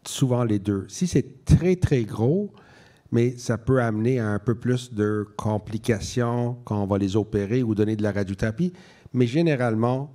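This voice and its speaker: A man's voice: mid-range voice, mellow. A man, a medical specialist explaining things in plain everyday words as part of a panel. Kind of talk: plain-spoken expert explanation.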